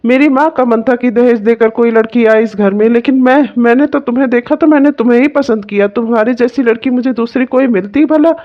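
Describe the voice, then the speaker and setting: A voice actor playing a kind young husband in a cartoon who gently comforts his wife. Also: mid-range voice, fairly even intonation, a little fast, hardly any pauses, highs cut off, lightly acted. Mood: reassuring. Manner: gentle, coaxing, reassuring. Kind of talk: cartoon voice acting.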